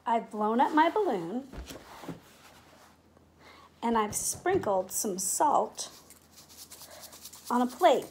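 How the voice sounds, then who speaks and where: A middle-aged teacher making videos for her pupils talks to young children in simple, clear phrases, like a read-aloud or classroom demonstration. She records at home in her living room and kitchen on a device mic about arm's length away. Her voice is a little high, with a bit of hiss or hum.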